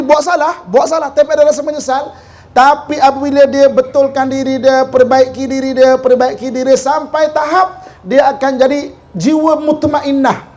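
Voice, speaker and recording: A man with a Malaysian Malay accent giving a humorous sermon on a forum panel, telling stories and chanting Quranic verses slowly. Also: very high voice. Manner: animated, acts out quoted characters. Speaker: religious lecturer on a panel forum.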